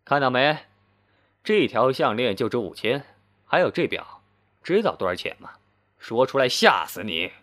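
A proud, hot-headed man in his fifties, as a storyteller puts him on. He snaps back bluntly and shows off, his voice leaping around in pitch. Storybook reading. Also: very animated, moderate pace, long pauses, a bit bright. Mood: boastful. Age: 50s. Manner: blunt, boastful retorts. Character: stubborn proud fifty-year-old man, touchy about his age.

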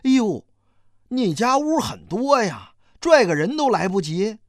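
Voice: medium pitch, very animated, unhurried, no echo, clean studio sound, voice pushed up. A reader doing a prying village questioner. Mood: suspicious. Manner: prying, sharp, probing. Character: nosy, suspicious village questioner.

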